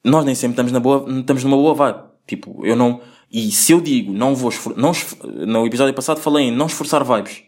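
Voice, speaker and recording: Fast-talking, slangy young man. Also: mid-range voice, a little mellow. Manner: slangy, rambling, lots of swearing and filler. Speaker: podcast host. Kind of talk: casual solo podcast monologue.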